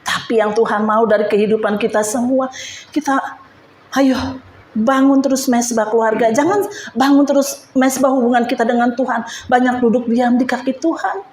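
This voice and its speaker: A woman's voice: a little high, steady tone, moderate pace, darkish tone, echoey room, slight background noise. A woman giving an emotional church testimony, speaking fervently and addressing the congregation directly.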